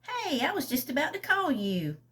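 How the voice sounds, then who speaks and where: A relaxed guy flirting on the phone, read by a woman. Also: high-pitched, moderate pace, pitched above the performer's own voice, heavily acted.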